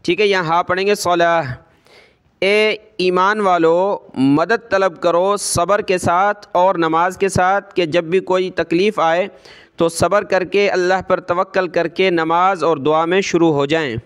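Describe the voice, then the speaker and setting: A man teaching Quran recitation, spelling out letters and vowel marks, then chanting each verse slowly. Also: high-pitched, steady tone, fairly bright tone, clear, resonant tone. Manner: slow drawn-out chanting of verses.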